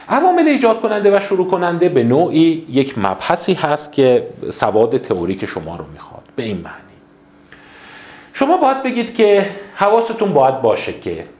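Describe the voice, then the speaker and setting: A male psychiatrist gives a lecture in a low voice. His delivery swings widely in pitch, chatty and animated as he acts out people's reactions. The sound is echoey, as if from a roomy hall.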